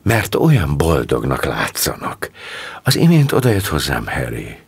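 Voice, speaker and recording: A man's voice: a bass voice, huge pitch swings, breathy edge, exaggerated voice. A man voicing an indignant fiery young woman. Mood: heated. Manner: indignant, heated. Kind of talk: audiobook character reading.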